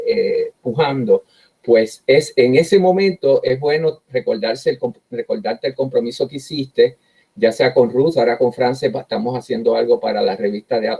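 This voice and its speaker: A middle-aged man, a professor, talks reflectively about how he writes, often pausing on fillers and asking "right?" to his listeners. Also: mid-range voice, breathy edge. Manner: tags sentences with "¿verdad?" and pauses often on "eh". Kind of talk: reflective talk on his writing process. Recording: dull lo-fi recording.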